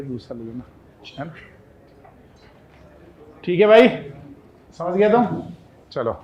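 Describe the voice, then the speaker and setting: A man's voice: on the high side, dull audio. A male chemistry teacher with an Indian accent, giving a classroom lecture in a conversational, coaxing way and often putting questions to his students.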